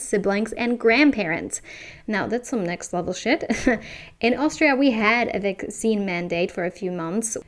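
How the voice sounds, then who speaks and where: A young woman from Slovakia ranting frankly in a casual video, with many fillers and restarts. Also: medium pitch. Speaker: vlogger. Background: music.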